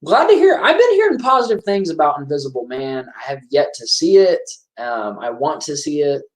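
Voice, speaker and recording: A man's voice: on the high side, very animated, normal speed. A man hosting a casual live-stream movie commentary, chatty and rambling, often correcting himself as he talks. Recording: roomy echo.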